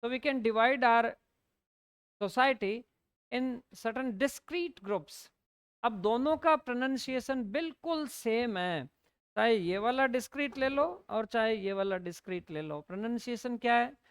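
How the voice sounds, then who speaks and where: Lady teacher, hindi mixed in, slow and spelling stuff out, smooth voice, dry close sound. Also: a little high, animated, dry recording. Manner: explains in Hindi mixed with English, slowly spells out words, asks "है ना?" often. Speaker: English teacher. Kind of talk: classroom lecture.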